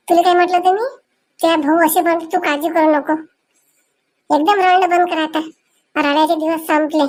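A woman acting in a comic village sketch, pleading in a high voice. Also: darkish tone.

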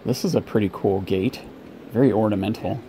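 A man's voice: fairly low pitch, a little fast. Wry man vlogging on noisy streets. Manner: wry, joking asides. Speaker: travel vlogger. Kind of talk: casual travel vlog narration. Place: busy city streets and a large train station. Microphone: handheld camera at arm's length. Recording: street and station noise behind.

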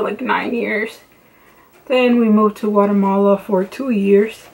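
A woman's voice: medium pitch, poor audio. A woman, chatting casually through a makeup tutorial in her bedroom, full of "like" and "um" fillers. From Los Angeles, United States. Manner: chatty, rambling, many "like" and "um" fillers. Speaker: beauty vlogger. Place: home bedroom with lamps and makeup shelves.

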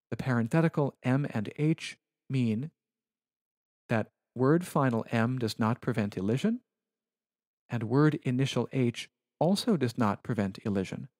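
A man giving a recorded Latin lecture over slides, explaining rules in a measured, precise manner. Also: mid-range voice, a little mellow, no echo, clean studio sound.

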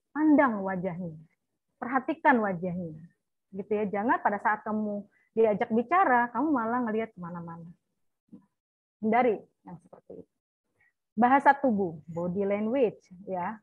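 A woman's voice: medium pitch, husky, no room sound. A middle-aged woman lecturer coaching students in a chatty way, full of little "ya" and "nah" fillers. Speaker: university lecturer. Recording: thin phone-like sound, dry.

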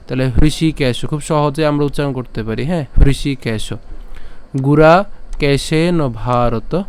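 A man teaching how to pronounce Sanskrit verses, breaking words into syllables and chanting each line slowly. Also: medium pitch, a little mellow, clean tone. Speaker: Gita recitation teacher. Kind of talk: recitation lesson.

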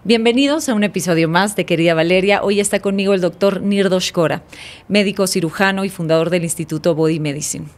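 A woman with a low voice hosts a podcast from a dark indoor studio set, talking fast into a boom-arm studio mic. Warm and effusive, she reads a scripted intro from paper before moving into a casual interview.

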